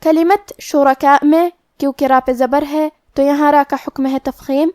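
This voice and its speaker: A woman teaching tajweed, explaining each letter and pronunciation rule step by step in a measured way. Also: high voice, fairly even intonation, a little mellow, dry recording, studio quality. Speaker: Quran recitation teacher. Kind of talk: tajweed lesson.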